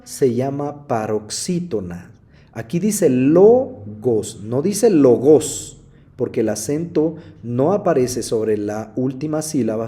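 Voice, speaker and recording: A man teaching a slide lesson on New Testament Greek, explaining calmly and speaking straight to the viewers. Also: mid-range voice. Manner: slow, explanatory, addresses viewers directly.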